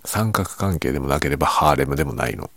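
A man chatting casually and quietly by himself late at night, musing and giving his opinions in a low-key way with softened sentence endings. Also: lively intonation, fast talker, vocal fry, no echo. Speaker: writer chatting as host.

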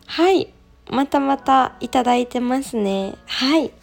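Gentle young woman, slightly high voice. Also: animated, measured pace, creaky. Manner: soft, gentle, often laughing and breaking into delighted thanks. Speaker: radio show host. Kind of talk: casual solo radio talk reading listener messages.

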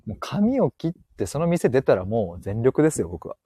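Casting: male live-stream host, playful and quick to laugh, mellow husky voice, lively pitch, walking outside on an earphone mic. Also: no room sound, studio quality. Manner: playful, laughs often, joking. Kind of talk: casual live-stream chat reading listener comments. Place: outdoors, walking.

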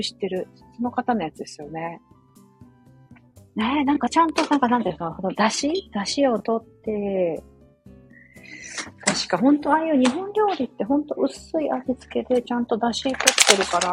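A woman from Osaka hosting a casual live stream from her home kitchen, chatting in a rambling way full of fillers and quick apologies. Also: on the high side, very animated, music in the background, poor audio. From Osaka, Japan. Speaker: live audio stream host. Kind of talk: casual chat while cooking, reading listener comments.

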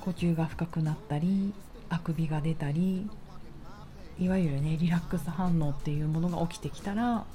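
A low-voiced woman leads a grounding meditation in a dark, relaxed tone. She takes her time, leaving soothing pauses between instructions. Faint music plays behind her. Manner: slow, pausing, soothing delivery. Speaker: relaxation exercise guide.

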